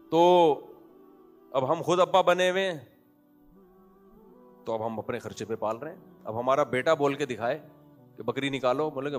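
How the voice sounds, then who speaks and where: A man giving a humorous, conversational sermon as a preacher, telling family anecdotes in a joking tone. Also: a little high. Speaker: Islamic preacher.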